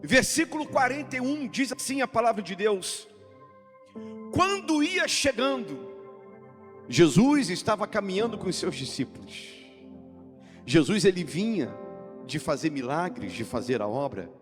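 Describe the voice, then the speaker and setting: A man preaching a sermon dramatically, swinging between loud, half-sung phrases and hushed, low storytelling. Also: sing-song, unhurried, long pauses. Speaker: pastor. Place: church sanctuary. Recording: long church-hall reverb with music behind.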